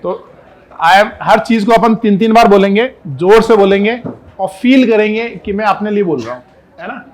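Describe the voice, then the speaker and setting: A man's voice: high-pitched, moderate pace. A male chemistry teacher with an Indian accent, giving a classroom lecture in a conversational, coaxing way and often putting questions to his students.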